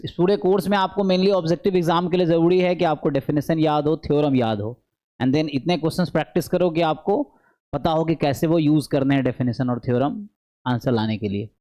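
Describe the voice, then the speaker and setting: A man giving an online statistics lecture, explaining step by step, often checking in with the class and slowing down to dictate formulas. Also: on the high side, mellow, muffled recording. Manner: mixes English math terms into speech; slows to dictate formulas aloud. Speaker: statistics teacher.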